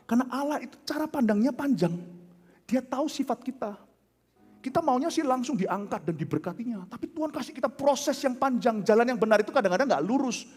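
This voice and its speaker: A middle-aged man with an Indonesian accent preaching a sermon as a pastor, telling stories with loud outbursts and soft low asides. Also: breathy edge. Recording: large hall with long reverb.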